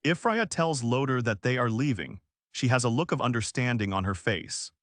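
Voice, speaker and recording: A man reads a comic recap as scripted narration, his pitch rising and falling in an animated way. The voice is close and dry, with almost no room sound. He voices the quoted lines in the same plain narrating voice. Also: moderate pace, no echo.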